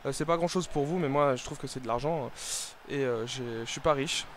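A young gaming video creator casually comments on his own football video game in a mid-range voice, a little fast, with background noise. He rambles hesitantly with lots of fillers and restarts, now and then breaking into excited shouts at the game.

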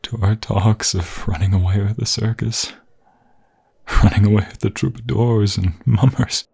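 In an intimate romantic ASMR roleplay, a man voices a lovestruck vampire fiancé who pleads with impassioned feeling, breathy and husky, often dropping to whispers with halting emotion. His full character voice sits lowish with a darkish tone and fairly even intonation.

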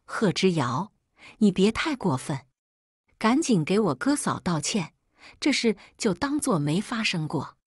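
A woman's voice: mid-range voice, sing-song, unhurried, no room sound, studio quality. A woman voicing an arrogant, threatening young husband in a storybook reading. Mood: angry. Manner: cold, threatening, gruff.

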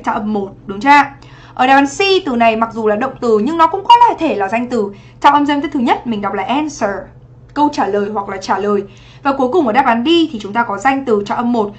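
A young adult woman from Vietnam teaching English on a livestream exam review, chatty and constantly checking in with rhetorical questions. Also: fairly high pitch.

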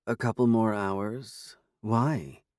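A man voicing an earnest, gentle young woman who speaks softly, slowly and matter-of-factly. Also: on the low side, steady tone, no room sound, clean studio sound. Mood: calm. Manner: soft, slow, matter-of-fact.

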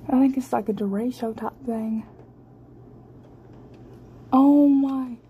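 A woman shooting storm footage on her phone speaks slowly in a somewhat high voice, frightened and breathless, exclaiming throughout her running commentary. The sound is narrow and tinny, a noisy amateur recording with the storm audible around her.

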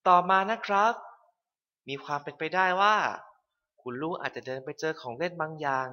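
A man narrating a scripted English lesson for parents, polite and clear, reading the English phrases slowly. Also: on the high side, animated, pushed and bright, muffled recording.

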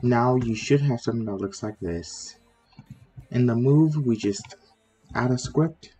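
A man's voice: medium pitch, measured pace, mellow, husky, soft background music. Man with a sore throat teaching. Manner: chatty, step-by-step, with frequent "like" fillers. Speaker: tutorial host. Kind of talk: casual screen-recorded coding tutorial.

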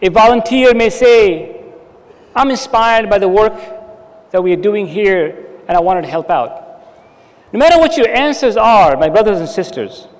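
A middle-aged man delivers a Friday sermon with earnest, emphatic exhortation. His voice sits unusually high. He speaks into a stand microphone, and a long reverb trails each phrase. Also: expressive, moderate pace. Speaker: preacher. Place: dark stage with curtain backdrop. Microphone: stand mic at the lectern.

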